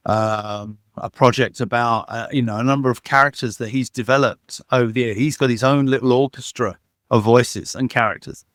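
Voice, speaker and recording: With a steady, fairly bright tone at normal speed, a middling-pitched man rambles through stories as an interview guest, restarting often and using many fillers. He's a sound engineer and dubbing supervisor, sounds eager, and the recording is close and dry with no room sound in this casual conversation.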